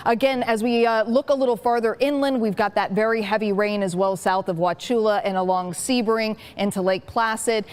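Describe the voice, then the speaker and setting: Woman forecaster explaining live weather maps. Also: mid-range voice. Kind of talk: live unscripted weather commentary.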